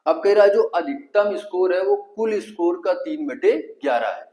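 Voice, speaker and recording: A man's voice: high voice, lively intonation, normal speed, dark tone, dull audio. Man teaching math in a Kanpuri accent. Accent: Kanpur Hindi. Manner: asks the class questions then answers them himself, stepwise and repetitive. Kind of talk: exam-prep math lesson.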